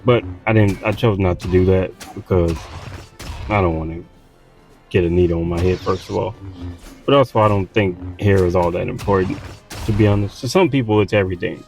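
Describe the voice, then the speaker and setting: A man's voice: low voice, brisk, vocal fry, a little mellow, soft background music. Tired Southern man rambling over gameplay. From Texas, US. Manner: tired, meandering, many fillers and restarts. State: tired from little sleep. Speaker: gaming streamer. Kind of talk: rambling casual chat while gaming.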